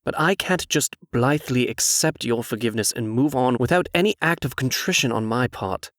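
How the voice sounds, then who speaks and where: A man playing a suave, vain, scheming fairy-tale prince in a comic dub, smooth-talking, theatrical and falsely humble. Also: medium pitch, moderate pace, fairly bright tone, dry recording, studio quality, lightly acted. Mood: falsely contrite.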